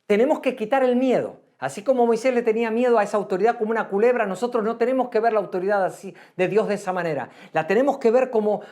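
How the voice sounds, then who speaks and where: A woman's voice: on the high side, fast, few pauses, dark tone. A woman preaching a sermon, earnest and repetitive, asking rhetorical questions of the congregation.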